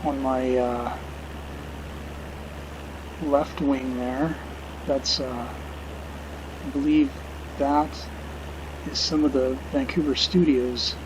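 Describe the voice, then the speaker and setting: A man's voice: medium pitch, fairly even intonation, noisy background. A middle-aged man giving casual, unscripted flight simulator commentary, hesitant and musing as he goes. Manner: hesitant, musing, unhurried reminiscing. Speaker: video game streamer flying a simulator.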